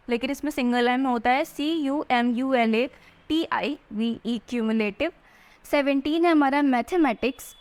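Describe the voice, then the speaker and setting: Woman teacher, high voice, coaching exam spelling with frequent check-ins. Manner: spells words out letter by letter, slowly. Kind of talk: exam-prep spelling lesson.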